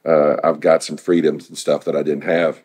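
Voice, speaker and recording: Husky deep-voiced man, earnest. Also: little pitch movement, moderate pace, darkish tone. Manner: earnest, rambling with restarts. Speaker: real estate team leader and father. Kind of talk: casual interview chat.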